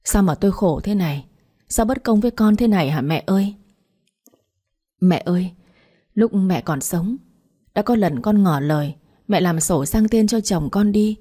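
A woman's voice: mid-range voice, animated, normal speed, long pauses, dark tone, husky. A woman voicing an aggrieved wailing wife. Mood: lamenting. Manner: wailing, indignant. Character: aggrieved middle-aged village wife.

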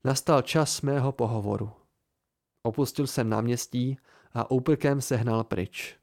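A man reading a novel aloud in the first person with a measured, even delivery, recorded at home close to the mic. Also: medium pitch, creaky. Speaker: amateur audiobook reader. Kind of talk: first-person audiobook narration.

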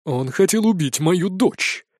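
A man reading an audiobook, voicing a middle-aged father who coaxes softly and steadily. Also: medium pitch, animated, slightly rough, no room sound, studio quality, voice pushed down. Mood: justifying. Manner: soft, coaxing, measured.

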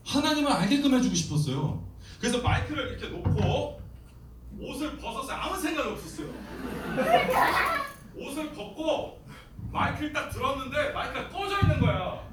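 A man in his thirties, a missionary preacher telling his story in a sermon, acting out quotes with lively energy. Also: very high voice. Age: 30s. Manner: animated storytelling with acted quotes. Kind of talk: sermon testimony. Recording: echoey hall, distant mic, faint noise.

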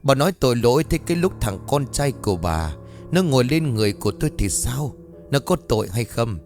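A male narrator puts on a possessed young man hosting a century-old female demon, sneering and cruel. The voice swoops up and down with taunting inflection, and soft music plays faintly behind. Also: medium pitch, sing-song, brisk. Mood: menacing. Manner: snarling, mocking, cruel.

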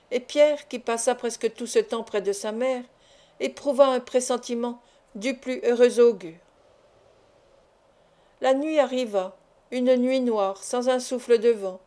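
Woman, audiobook narrator, fairly high voice, dark warm tone, measured clear reading. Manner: measured, clear storytelling delivery. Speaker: audiobook reader.

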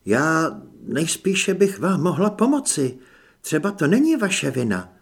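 A frightened young woman pleads and bargains in an audiobook scene, voiced by a male narrator. The voice is husky and somewhat raised in pitch. The delivery rises and falls in a lively way. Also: exaggerated voice. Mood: desperate.

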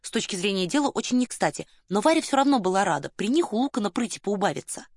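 A woman narrating an audiobook in an even, measured storytelling manner. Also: medium pitch, dry recording, studio quality. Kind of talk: scripted narration.

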